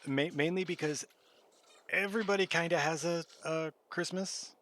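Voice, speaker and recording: A man's voice: a little high, moderate pace, a bit bright. A man from the United States, streaming and chatting casually, easygoing and rambling with lots of fillers. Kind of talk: casual chat. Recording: faint background noise.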